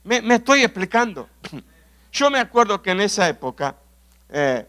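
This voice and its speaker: A man from Argentina with an Argentine accent preaching a sermon, telling stories, asking rhetorical questions and often clearing his throat. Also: sits high, very animated, unhurried, fairly bright tone. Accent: Argentine Spanish. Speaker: pastor.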